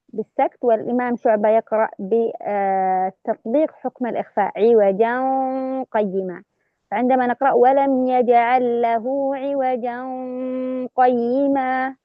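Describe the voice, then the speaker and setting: A woman with a high voice teaches recitation rules and recites verses slowly to show them. The sound is dry and close, with a dull, lo-fi tone. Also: no room sound. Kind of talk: tajweed lesson with recited examples.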